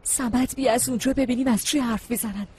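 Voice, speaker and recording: A woman's voice: on the high side, fairly even intonation, darkish tone, soft background music, lightly acted. An actress dubbing a nosy, scheming woman into Persian, speaking in a bossy, impatient way. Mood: conspiring. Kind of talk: Persian dub of a Turkish drama.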